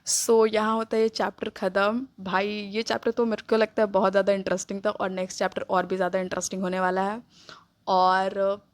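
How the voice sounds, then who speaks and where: A woman's voice: mid-range voice, little pitch movement, fairly quick. A young woman retelling a novel chapter in a chatty, casual way, slipping English phrases into her talk. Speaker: novel explainer on her channel. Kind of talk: casual storytelling narration.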